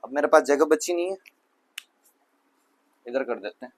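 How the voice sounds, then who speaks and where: Man, high-pitched, physics lecture, rhetorical questions, self-corrections. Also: expressive, moderate pace, a little mellow. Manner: talks students through steps with frequent rhetorical questions; repeats himself, self-corrects mid-sentence. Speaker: physics teacher.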